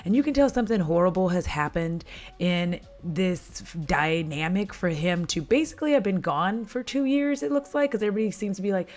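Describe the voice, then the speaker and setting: A woman's voice: fairly low pitch, lively intonation, fairly quick, a little mellow. A woman casually recapping a film at home while doing her makeup, chatty and dramatic, with frequent profane asides. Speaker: vlogger retelling a film.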